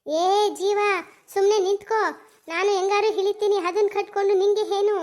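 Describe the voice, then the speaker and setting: A performer voicing a sharp-tongued, hot-tempered young village woman who scolds in a shrill cartoon voice with a Mysore Kannada accent. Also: flat delivery, normal speed. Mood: angry scolding.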